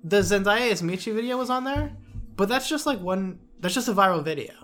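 A man's voice: high voice, lively intonation, brisk, a bit bright. A man co-hosting a casual podcast, laid-back, slangy, and ready to argue a point. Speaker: podcast co-host. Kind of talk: casual movie recap chat.

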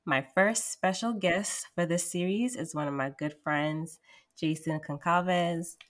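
A young woman presents an interview podcast. Her voice is notably low for a woman. She speaks as an upbeat, encouraging host who introduces topics and guests. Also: unhurried.

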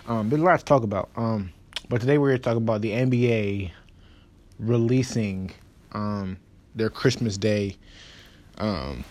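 A man hosting a casual basketball podcast, rambling with lots of fillers and restarts, and quick in delivery. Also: mid-range voice, darkish tone. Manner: talks fast, says so himself. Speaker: podcast host. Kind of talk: casual sports podcast talk.

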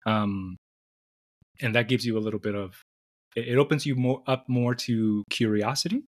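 In a medium-pitched voice at normal speed, a middle-aged guest chats in an interview, thinking aloud with frequent restarts and repeated words. He was born in the Dominican Republic and grew up in New York City.

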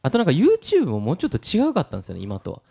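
A man with a Kansai accent hosting a relaxed music-industry chat, talking at length with many fillers. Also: fairly high pitch, racing, gravelly, slightly rough. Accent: Kansai Japanese. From Japan. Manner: animated, recalls his past at length, many fillers. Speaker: musician and podcast host. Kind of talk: casual conversation.

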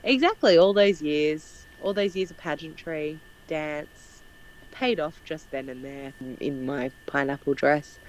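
A woman recounts a trip in casual conversation. She laughs often and tells it with plenty of animation. Her voice is loud and unguarded, as she says herself. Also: low voice, measured pace, poor audio. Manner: loud, self-described as not quiet. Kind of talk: casual chat.

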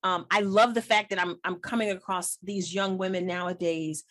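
A woman's voice: on the low side, steady tone, moderate pace, fairly bright tone. A woman in her late forties in casual chat, talking in an emphatic, encouraging way and laughing often. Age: 40s.

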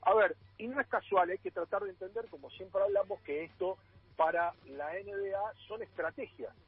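Raspy, lively Argentine man on a phone line. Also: sits high, normal speed. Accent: Argentine Spanish. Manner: explanatory, with many fillers and restarts. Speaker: radio sports columnist. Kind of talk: radio panel talk.

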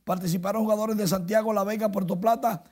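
A man presenting the sports news in a lively, excited manner. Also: sits high, fast. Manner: lively, excited play-by-play delivery.

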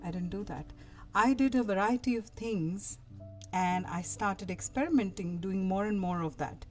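A woman speaking as a wellness coach, giving a motivational, meditative talk with a deliberate, soothing delivery. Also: mid-range voice, soft background music. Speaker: wellness coach and workshop leader.

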